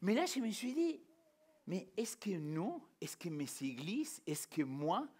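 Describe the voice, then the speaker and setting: This Argentine pastor, a native Spanish speaker, has a husky, high-pitched voice and an unhurried delivery. He preaches informally and interactively to a congregation, addressing them directly with animated rhetorical questions.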